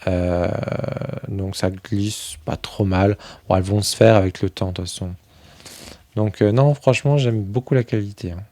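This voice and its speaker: A man chatting casually through a review of a tarot deck, filling pauses with "euh" and thinking aloud as he goes. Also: lowish voice, mellow, dry recording. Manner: chatty, many fillers, thinks aloud while flipping cards.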